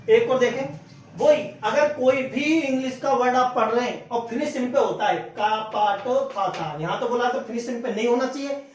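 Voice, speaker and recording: A man's voice: high-pitched, a little hiss or hum. A man teaching English pronunciation rules step by step, often checking whether the class has understood. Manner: explains step by step and keeps checking "clear?". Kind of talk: classroom-style lesson. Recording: echoey room, mic far off.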